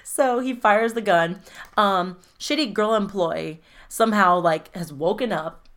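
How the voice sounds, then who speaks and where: A woman in casual chat, recapping a film with profane, animated storytelling and frequent laughter. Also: mid-range voice, measured pace. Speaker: podcast co-host recapping a film.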